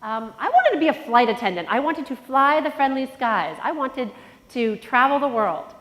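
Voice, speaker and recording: A middle-aged woman gives a motivational keynote with a nasal, high voice, very animated, moderately paced and a bit bright. She tells a personal story and speaks directly to the audience, and the large conference hall adds long reverb.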